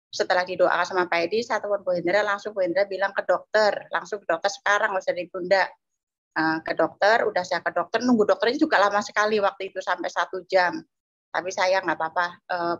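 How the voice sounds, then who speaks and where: A woman giving a personal testimony at a church women's meeting, telling it plainly with many pauses and fillers. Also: fairly low pitch, no echo. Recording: dull, dry, lo-fi sound.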